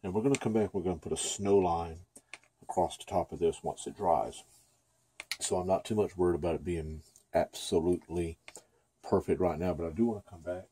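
A man's voice: deep voice, steady tone, a little fast, warm tone, slight background noise. A man giving a casual, chatty painting lesson at his easel, thinking aloud as he works. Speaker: painting instructor. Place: dim room at an easel.

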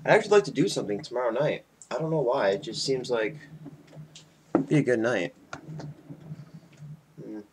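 A man's voice: medium pitch, lively intonation, normal speed, pauses often. A man in his twenties, tipsy from beer, rambling casually and loosely to his friends in a homemade webcam vlog. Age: 20s. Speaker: video blogger. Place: small indoor room at home. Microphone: webcam mic at about arm's length. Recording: faint noise on webcam audio.

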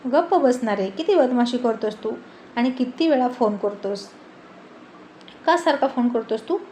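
A woman's voice: on the high side, lively intonation, normal speed, darkish tone, a little hiss or hum, natural voice. A woman voicing a coy young sweetheart who teases and plays hard to get. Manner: playfully sulky, coy.

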